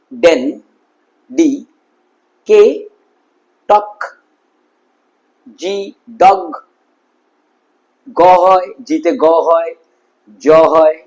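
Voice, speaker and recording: A man with a Bengali accent teaching English pronunciation, repeating each word slowly and often checking that his listeners follow. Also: on the high side, a little mellow, rough recording. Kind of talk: phonetics lesson explaining sounds and symbols.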